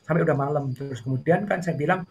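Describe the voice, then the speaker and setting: A middle-aged man with a fairly high voice tells a story as an interview guest. He is chatty and fills his talk with little fillers. His pitch jumps up when the story gets lively. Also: quick pace, creaky, slight background noise.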